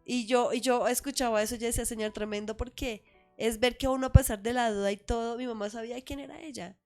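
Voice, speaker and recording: A woman's voice: a little high, fairly even intonation, quick pace, a little mellow, soft background music. A woman retelling her mother's story as a testimony in a live church conversation, acting out the people she quotes. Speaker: church member giving testimony. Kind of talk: storytelling testimony in casual chat.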